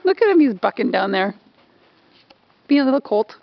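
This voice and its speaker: Cooing high-voiced woman outdoors. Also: big pitch swings, moderate pace, creaky, highs cut off. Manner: laughing often, cooing affectionately. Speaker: horse owner filming her horse. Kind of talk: casual chat to a horse. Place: outdoors by a paddock fence.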